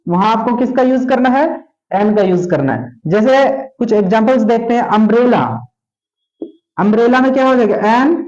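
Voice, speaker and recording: A man teaching English grammar, talking slowly, repeating words and asking his students questions. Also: extremely high pitch, darkish tone. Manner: slow, repeats words and asks the class questions. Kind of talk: classroom lesson explaining articles. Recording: echoey room, dull lo-fi sound.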